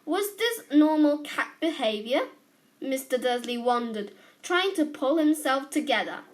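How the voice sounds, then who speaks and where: A woman narrating a children's storybook in an expressive reading voice. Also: sits high, measured pace. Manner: expressive, voicing characters. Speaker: audiobook narrator.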